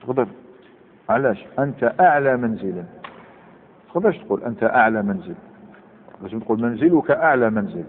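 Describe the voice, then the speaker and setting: Teacher on a tinny, echoey recording. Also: male voice, mid-range voice, expressive, slight background noise. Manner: explains then quizzes students, repeats examples slowly. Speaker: teacher of Arabic grammar. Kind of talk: classroom grammar lesson. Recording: phone-like sound in a reverberant hall.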